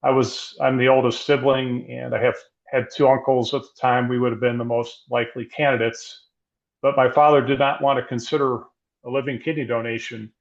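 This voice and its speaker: A middle-aged man speaks as a guest in a reflective, measured way, often restarting his sentences. His voice is gravelly and even, with little rise and fall. The audio sounds dull and lo-fi. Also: mid-range voice. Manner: measured, thoughtful, with frequent restarts. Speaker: guest, emergency physician. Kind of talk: reflective interview conversation.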